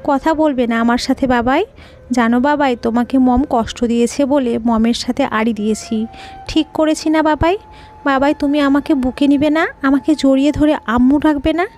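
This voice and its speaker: A woman's voice: sits high, fairly even intonation, moderate pace, a little mellow, natural voice. A woman voicing a grieving little girl pleading tearfully with her silent father in an audio story.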